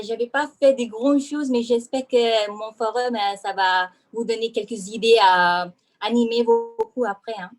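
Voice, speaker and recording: Woman teacher, slightly high voice, hesitant presenter full of fillers, video call audio. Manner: hesitant, many fillers and restarts. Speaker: French teacher presenting at an online forum. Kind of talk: online presentation.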